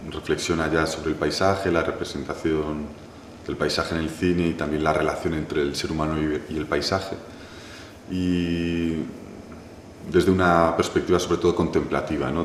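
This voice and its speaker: A man from Galicia, a filmmaker answering an interview slowly, pausing often and adding "¿no?" to his thoughts. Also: rumbling low, a little hiss or hum. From Galicia, Spain. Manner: thoughtful, many pauses, restarts and "¿no?" tags. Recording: echoey room with faint ambience.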